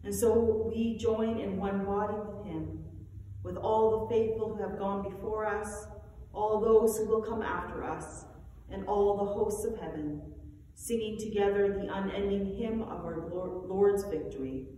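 A woman pastor reciting a church liturgy in a measured, solemn way, her voice carried by a heavy cathedral-like echo. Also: mid-range voice, fairly even intonation, warm tone, slight background noise. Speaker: pastor presiding at communion. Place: large church sanctuary. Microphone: distant room mic. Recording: echoey church hall from far off.

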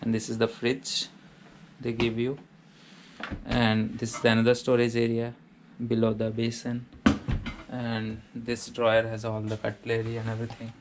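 A vlogger gives a house tour of a small student apartment, casually narrating and listing its features in a plain, matter-of-fact manner. He is mid-range and monotone at a moderate pace, with background noise.

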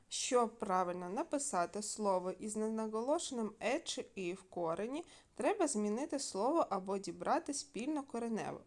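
A woman teaching primary school children in a recorded video lesson, reading out words slowly and clearly, with small fillers between steps. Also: medium pitch, darkish tone. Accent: Ukrainian. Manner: slow, clear dictation with fillers.

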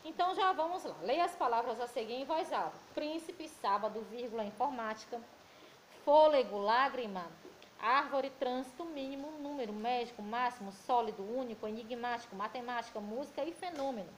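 High-voiced teacher with a Brazilian accent. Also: female voice, slight background noise, low-quality recording. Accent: Brazilian Portuguese. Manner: affectionate, patient, reads word lists slowly. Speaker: primary school teacher. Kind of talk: recorded remote lesson for children.

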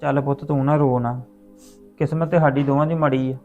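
A man playing a caring widowed father who talks to his daughter in a gentle, coaxing way in a web series drama. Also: mid-range voice, steady tone, a little fast, lo-fi sound, faint music behind, close to an everyday voice. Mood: consoling.

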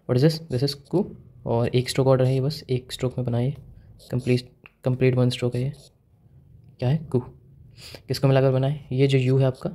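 A warm, mid-range male voice with an Indian accent leads a whiteboard lesson on writing Japanese, step by step. He mixes English into his Hindi and frequently asks the viewer questions.

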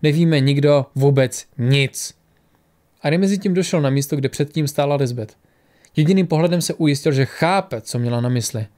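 A man reading a fantasy audiobook aloud, steady and even at a middle pitch. His telling flows in a measured, practiced way. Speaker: audiobook narrator. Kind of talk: scripted narration.

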